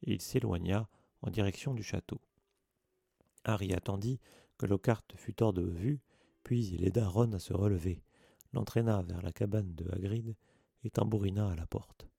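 A man reading an audiobook in a steady storytelling voice. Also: fairly low pitch, normal speed, creaky, slightly rough, dry recording, studio quality. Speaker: narrator. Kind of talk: audiobook narration.

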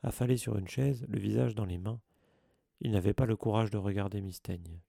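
Gravelly guy narrating an audiobook, mellow dark tone, dry close mic. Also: lowish voice, moderate pace, no room sound. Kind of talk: scripted narration.

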